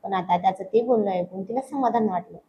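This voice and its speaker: A woman narrating a romantic family story in a steady, intimate way. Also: mid-range voice, fairly quick, a little hiss or hum, low-quality recording.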